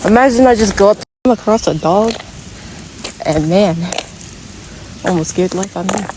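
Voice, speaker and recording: A woman's voice: mid-range voice, normal speed. A woman vlogging outdoors on a rural road, chatting and coaxing animals in a sweet baby-talk voice. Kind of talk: casual vlog walking with animals. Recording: steady outdoor background noise.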